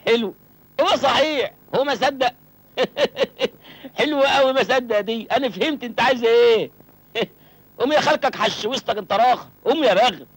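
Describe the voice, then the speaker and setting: A cheeky naive village lad. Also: male voice, very high-pitched, fairly quick, slightly rough, exaggerated voice. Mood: mocking. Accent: Egyptian. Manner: cheeky, joking, self-pitying. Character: naive cheeky village man, young, penniless. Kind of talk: film comedy acting.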